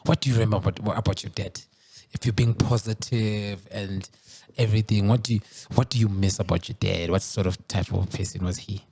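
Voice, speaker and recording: Deep gravelly host. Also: male voice, brisk. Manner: chatty, repeats words, lively interjections. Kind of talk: casual interview.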